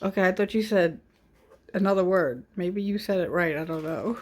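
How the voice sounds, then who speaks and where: A woman's voice: lowish voice, moderate pace, darkish tone. A woman chatting casually and playfully, teasing as she helps out with an unboxing video. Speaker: off-camera adult helper in a child's unboxing video. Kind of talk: casual chat.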